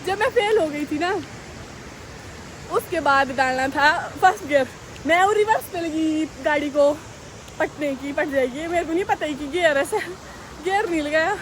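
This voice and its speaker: A woman's voice: high voice, normal speed, slight background noise, rough recording. A young woman vlogging on a phone as she walks along a road, chatty and self-mocking, with a dramatic streak. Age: young adult. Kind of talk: casual vlog talk. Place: outdoors on a road.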